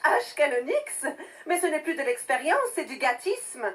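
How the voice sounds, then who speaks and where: An excitable village gossip. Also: female voice, high voice, moderate pace. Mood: gossipy. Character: gossiping young village woman. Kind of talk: audio drama acting.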